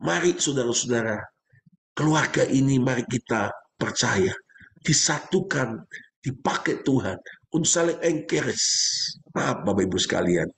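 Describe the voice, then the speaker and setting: A man's voice: animated, unhurried, gravelly. A male pastor preaching a sermon, speaking straight to his congregation with emphatic, leaping exclamations. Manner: emphatic preaching with sudden pitch leaps; addresses congregation directly.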